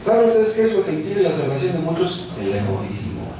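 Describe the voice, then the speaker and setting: A male pastor preaches in a lively, swooping voice, pitched a little high for a man. He is picked up from some distance in a very roomy church, with faint ambience behind him. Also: fairly quick, background noise. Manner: preaching with rhetorical questions and acted quotes. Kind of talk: sermon. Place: church hall.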